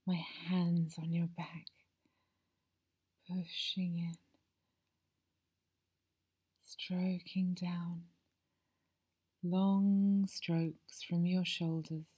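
Soft and soothing, a woman plays a masseuse in an ASMR roleplay, drifting from a hushed voice into whispers. Her breathy, mellow voice is a little low and level in tone, and she speaks very slowly with frequent pauses, lingering over each phrase.

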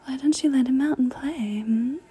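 A woman flirts playfully in an intimate audio roleplay, using retro slang and often falling into breathy whispers and giggling. She has a high, mellow voice and a moderate pace.

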